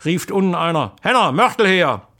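A man's voice: high-pitched, steady tone, normal speed, pitched above the performer's own voice. Man doing a whiny grumbling laborer. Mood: whining. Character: grumbling working-class man complaining about labor.

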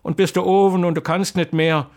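A man's voice: high-pitched, steady tone, brisk, a little mellow, voice pushed up. Man doing a whiny grumbling laborer. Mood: whining. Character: grumbling working-class man complaining about labor.

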